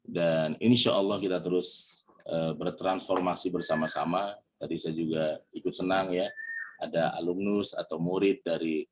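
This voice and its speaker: A man's voice: sits low, steady tone, normal speed. An Indonesian man giving a motivational religious talk as a coach, chatty and full of questions to his listeners, acting out tones of voice to make his points. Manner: chatty, peppers lines with "ya", asks the audience questions; acts out tones of voice to demonstrate intonation.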